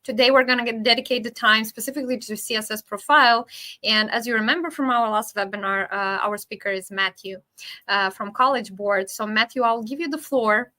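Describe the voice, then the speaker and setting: Cheery webinar host lady, bright clear voice, lots of ums, sounds like a video call. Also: on the high side, brisk, rough recording. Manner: upbeat, welcoming, with filler words. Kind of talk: live webinar hosting.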